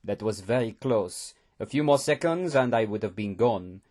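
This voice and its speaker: Man doing a deep measured hunter guy, kinda gruff and quiet, storybook. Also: expressive. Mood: grave. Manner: low, measured, slightly odd phrasing. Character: gruff seasoned male hunter and driver.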